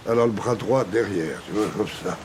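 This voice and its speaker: An actor playing a gruff older retiree who coaches a young man in boxing, blunt and commanding. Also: lowish voice, moderate pace, noisy background, natural voice. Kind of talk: film dialogue.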